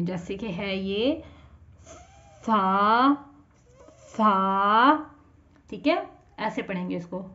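Woman, Pakistani Urdu accent, patient teacher, drawn-out letter sounds, mid pitch, muffled recording. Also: a little mellow. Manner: patient, repeats each sound and explains mouth position. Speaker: teacher of Quran reading for children. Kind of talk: slow spoken lesson, drawing out letter sounds. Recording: dull lo-fi sound.

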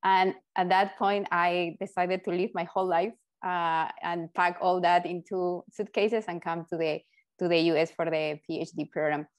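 Middle-aged Peruvian-accented woman panelist, lowish voice, earnest, restarts words; earphone mic on a video call. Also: level tone, moderate pace. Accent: Peruvian Spanish. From Peru. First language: Spanish. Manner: earnest, repeats words while finding them. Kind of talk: personal story on a panel. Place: home office.

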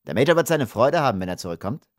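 A man's voice: mid-range voice, lively intonation, moderate pace, no room sound, clean studio sound, voice pushed up, natural voice. A man reading an audiobook, voicing an arrogant army lieutenant who speaks with contempt. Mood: sneering. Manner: sneering, contemptuous.

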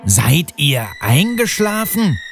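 A man's voice: a little high, sing-song, takes it slowly, creaky, soft background music, full character voice. A man playing a scheming, commanding robber captain in a cartoon fairy tale, speaking with deliberation.

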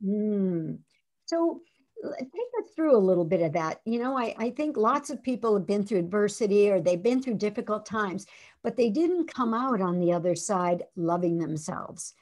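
A woman's voice: medium pitch, animated, moderate pace, a little mellow. A woman hosting a radio interview, affirming and responsive, often murmuring agreement as her guest speaks. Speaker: radio show host.

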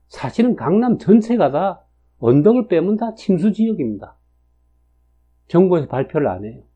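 A man in his sixties gives a chatty, casual spoken lecture on national fortune cycles, full of fillers and tag questions. His voice is fairly high with a dark tone, and the recording is dull and lo-fi.

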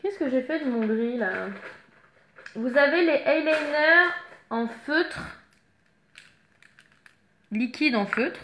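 A woman's voice: high-pitched, animated, slow pace, long pauses, a bit bright, slight background noise. A woman chatting casually as she shows makeup products one by one, stopping now and then to hunt for a missing item. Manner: chatty, searches for products while talking. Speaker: makeup seller presenting products.

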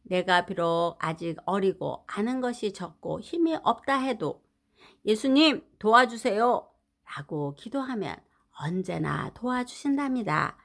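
An older woman reads scripture aloud in an earnest, gently expressive voice. She speaks to children, steady and caring as a grandmother reading at bedside. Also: lowish voice, measured pace, vocal fry. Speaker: Bible reader for children.

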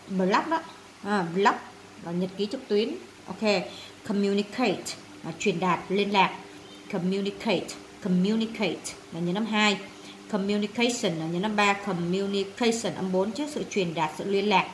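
Woman teacher, mid pitch, drills words with fillers; faint hiss behind. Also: poor audio. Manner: repeats each word, many filler sounds, translates terms one by one. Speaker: English teacher. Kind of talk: vocabulary lesson for students.

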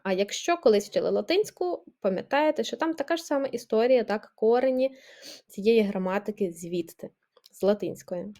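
A woman's voice: medium pitch, animated, normal speed, mellow. A woman teaching a language lesson, explaining grammar patiently and checking in with her listeners.

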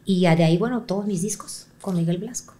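A middle-aged woman with a Mexican accent, a guest telling stories from her life in a relaxed interview, animated and quick to act out other people's voices. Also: fairly low pitch. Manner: animated, acts out quoted voices. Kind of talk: storytelling in a conversational interview.

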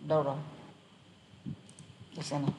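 Một người đàn ông dạy tiếng Anh, giảng giải kiểu trò chuyện thân mật với nhiều từ đệm. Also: male voice, on the high side, completely flat delivery, moderate pace, noisy background. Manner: chatty explaining, many fillers. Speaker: English teacher. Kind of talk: casual online lesson.

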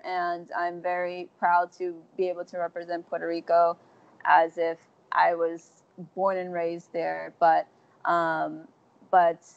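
A woman's voice: fairly low pitch, smooth. Young texan woman on a video call from a gym, talks loosely with fillers, lo-fi sound. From Texas, USA. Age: 20s. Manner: chatty, many fillers and restarts. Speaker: interview guest, athlete. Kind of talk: casual video-call interview. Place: large indoor gym hall. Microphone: earphone mic on video call. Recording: dull lo-fi video call audio.

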